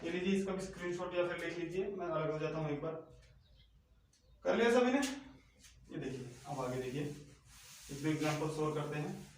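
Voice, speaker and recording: A man with a Hindi accent teaching English grammar step by step, repeating key words slowly and asking questions of his students. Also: fairly high pitch, distant mic. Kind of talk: slow step-by-step online lesson. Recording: echoey room, off-mic, faint noise.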